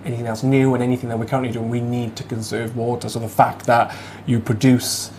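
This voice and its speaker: Excitable Welsh Valleys host, noisy room. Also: medium pitch, fast. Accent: South Wales Valleys. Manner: excitable, effusive. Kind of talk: casual on-location interview. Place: indoors in a converted bunker.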